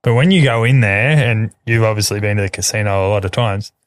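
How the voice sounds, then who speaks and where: A man's voice: lowish voice, steady tone, quick pace, no room sound, studio quality. An Australian man hosting a podcast in casual chat, blunt and laid-back, swearing freely. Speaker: podcast host.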